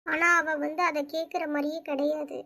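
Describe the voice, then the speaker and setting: A worried young woman in a cartoon story, voiced by a woman, sharing a secret and begging that it be kept. She talks earnestly in a very high voice. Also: level tone, moderate pace, creaky, sharp tone, heavily acted. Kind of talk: cartoon voice acting.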